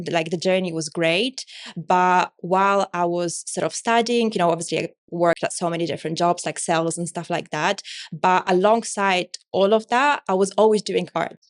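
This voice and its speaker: A young Polish woman being interviewed about her art career, talking in a rambling way with lots of "like" and "you know". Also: lowish voice. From Poland. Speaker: interview guest, artist and business owner. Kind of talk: casual conversational interview.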